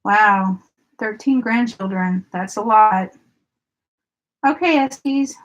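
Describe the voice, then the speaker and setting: A woman's voice: mid-range voice, takes it slowly, highs cut off. A woman, chatting casually with viewers during a craft live stream and often laughing. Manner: chatty, giggly, talks to viewers by name.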